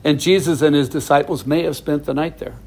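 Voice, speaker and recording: A man's voice: fairly high pitch, fairly even intonation, brisk, darkish tone, husky. Man teaching a verse-by-verse Bible study. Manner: explains verses plainly, with asides to viewers.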